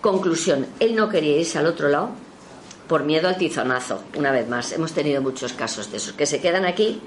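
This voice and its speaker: Woman, lower register, animated anecdote teller, faint hum behind. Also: brisk. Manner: animated storyteller, jumps in pitch when quoting others. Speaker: storyteller recounting a spiritualist session. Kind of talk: casual spoken anecdote.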